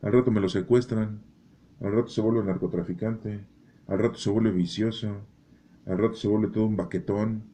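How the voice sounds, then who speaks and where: A man's voice: on the low side, steady tone, normal speed, mellow, a little hiss or hum, natural voice. A man voicing an exasperated woman who complains about why she refuses to have children. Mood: fretful complaining.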